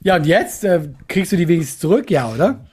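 Husky-voiced man reacting in banter. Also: high-pitched, lively intonation, a little fast, darkish tone. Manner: short reactions and teasing questions. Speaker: podcast co-host. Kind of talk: casual podcast banter.

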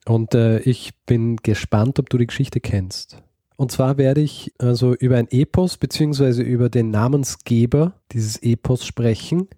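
Mellow-voiced man telling history casually. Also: medium pitch, moderate pace, dry recording, studio quality. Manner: hesitant, many fillers and restarts, laughs easily. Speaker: podcast co-host. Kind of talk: casual history podcast storytelling.

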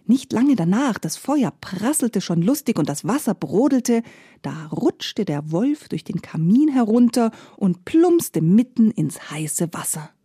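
A woman narrating a fairy tale in a slow, gentle and expressive way, close to the mic. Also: medium pitch, breathy edge, no echo. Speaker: storyteller.

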